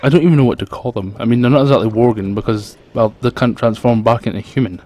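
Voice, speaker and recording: A man's voice: fast, dark tone. A man with a thick Scottish accent giving casual, rambling commentary over gameplay. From Scotland. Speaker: gaming video creator, commentator. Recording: low-quality home mic with background noise.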